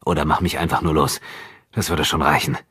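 A man reading an audiobook, voicing a chained prisoner who speaks in a raised, forceful, scornful way. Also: extremely low pitch, fairly even intonation, a little fast, slightly rough, dry recording, clean studio sound, full character voice. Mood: defiant. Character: defiant chained male prisoner, bitter and scornful.

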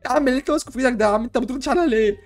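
A young man with an Egyptian accent, playing a superhero in a block-building game, talking loudly and frantically with constant exclamations. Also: extremely high pitch, rapid-fire, faint music behind. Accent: Egyptian Arabic. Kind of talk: excitable role-play over gameplay.

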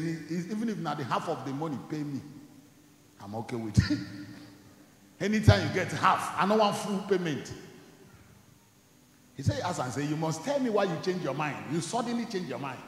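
A man preaching a sermon, shifting from quiet storytelling to loud shouted declarations. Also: high voice. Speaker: pastor. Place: church hall. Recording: echoey church hall.

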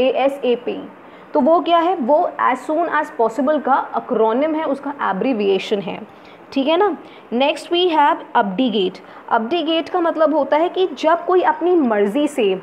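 A young woman with an Indian accent runs a vocabulary lesson for exam students, her voice high and bright. She flips between English and Hindi and keeps checking that her students follow. The recording is a little muffled, with a faint hiss behind her. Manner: mixes English and Hindi, explains words patiently with frequent "ठीक है ना" check-ins. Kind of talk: online exam-prep lesson.

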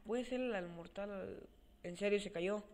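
Excitable guy narrating his gameplay. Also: high voice, takes it slowly. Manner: excitable, swears often, talks to himself while playing. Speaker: gaming channel host. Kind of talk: let's play gameplay commentary. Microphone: cheap desk mic without a stand, voice comes out quiet.

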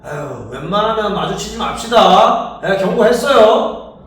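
A man's voice: high voice, expressive, unhurried. A man playing a dutiful but argumentative army conscript in a military comedy skit. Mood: fed up, scornful. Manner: formal military address, indignant talking back. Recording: very echoey, distant mic, faint noise.

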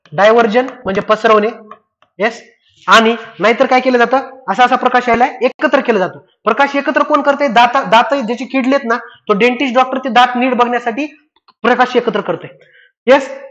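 A high-pitched man runs an exam revision lecture, firing questions at students and answering them himself. He repeats key points over and over. The recording sounds dull and lo-fi. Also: fairly bright tone. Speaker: science teacher.

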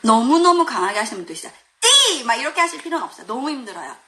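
Lively bright-voiced woman teaching pronunciation. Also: on the high side, rapid-fire. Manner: lively, demonstrates sounds loudly with exaggerated tones; laughs often, talks directly to viewers. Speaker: Chinese teacher. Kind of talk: live online pronunciation lesson.

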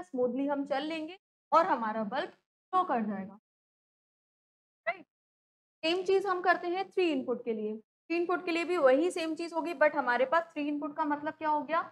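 A woman's voice: high voice, poor audio. A woman, teaching a class and explaining step by step, often asking a question and then answering it herself. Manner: explanatory, asks and answers own questions, frequent "theek hai".

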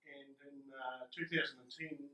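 A man's voice: medium pitch, steady tone, moderate pace, bright, forceful tone. Older man, broad Kiwi accent, echoey room. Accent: New Zealand. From New Zealand. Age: older, around 60s. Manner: conversational, self-deprecating. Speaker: conference speaker, school principal. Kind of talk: informal conference presentation. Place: indoor conference room, standing before a small audience. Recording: roomy, echoing conference room.

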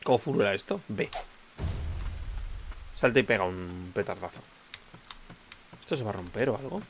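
A man's voice: fairly low pitch, expressive, moderate pace, noisy background. A man giving casual gameplay commentary, exclaiming and swearing when he gets hit and chatting between fights. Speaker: gameplay streamer. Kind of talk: casual let's-play commentary. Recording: game soundtrack loud behind voice. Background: game music.

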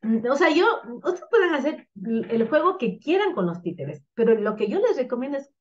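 A woman's voice: high voice, big pitch swings, moderate pace, highs cut off. A woman teacher explaining a puppet play to her students, now and then acting out the puppet voices.

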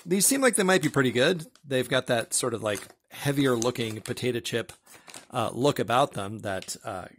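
A middle-aged man with a husky voice gives a casual, wry snack review with dry humor. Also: mid-range voice, fairly bright tone, slight background noise. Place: small room with bookshelves, indoors.

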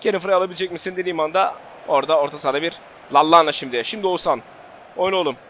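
A young man with a Turkish accent calls his football video game match live, fast and high-pitched, swearing and yelling as play swings. His voice is bright and tense, and game music plays faintly underneath. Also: a little hiss or hum. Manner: excitable, swears and shouts at the game. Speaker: gaming channel host. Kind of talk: live gameplay commentary.

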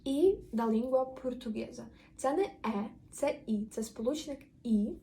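A woman teaching a language lesson, explaining patiently and drawing out example words slowly. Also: on the high side, dark tone.

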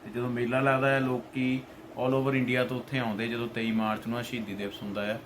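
A man's voice: medium pitch, flat delivery, fast. A man with a Punjabi accent casually explaining things to camera like a local guide. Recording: loud background noise.

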